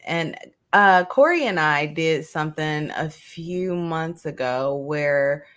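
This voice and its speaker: A woman's voice: sits low, animated, slow pace, a bit bright. A woman co-hosting a craft livestream in casual chat, rambling and self-deprecating.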